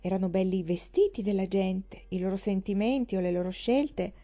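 Woman doing a playful, ironic young gentleman with a mellow tone, storybook reading. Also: mid-range voice, brisk, lo-fi sound, natural voice. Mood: teasing. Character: witty teasing young gentleman.

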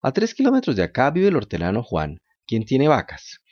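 A man voicing a wise talking cricket who gives calm, moralizing lessons in a storybook reading. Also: mid-range voice, fairly quick, no echo, lo-fi sound. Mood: lecturing.

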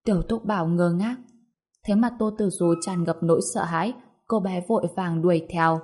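Low-voiced woman storyteller. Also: moderate pace, dark tone, breathy edge. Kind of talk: scripted story narration.

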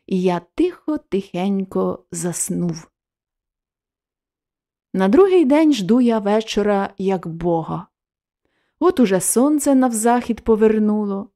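Woman reading a story aloud, slow and measured, dark mellow voice. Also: medium pitch. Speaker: audiobook narrator. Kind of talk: scripted literary reading.

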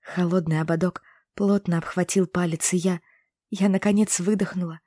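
Woman, audiobook narrator, low warm voice, dry close recording, intimate storytelling. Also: fairly even intonation, moderate pace, no echo. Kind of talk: first-person fantasy romance audiobook reading.

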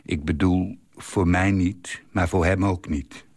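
A man voicing a big, heavy-voiced father who is gloomy and remorseful, reading his lines plainly and slowly in a storytelling. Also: fairly even intonation, a little mellow, slightly rough, no echo, studio quality, heavily acted. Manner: plainly read quotes, low and unhurried.

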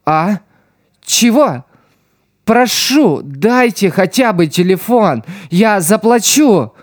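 A man reading an audiobook voices a desperate, loyal teenage street boy who shouts and pleads in a raised voice. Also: on the high side, very animated, slow, dry recording, studio quality. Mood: desperate, pleading.

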